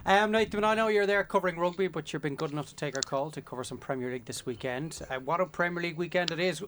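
A man's voice: a little high, quick pace, a bit bright. A man hosting a sports podcast from a studio in a casual, chatty style. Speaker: podcast host. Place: radio studio. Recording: studio with faint background noise.

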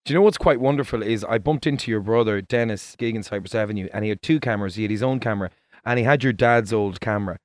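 Fast-talking Irish radio man, dry close sound. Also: fairly low pitch, no echo. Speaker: radio host. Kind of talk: conversational radio interview.

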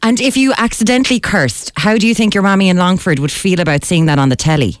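A woman's voice: mid-range voice, fast, no echo, studio quality. A woman with an Irish accent hosting a light live radio interview. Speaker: radio host.

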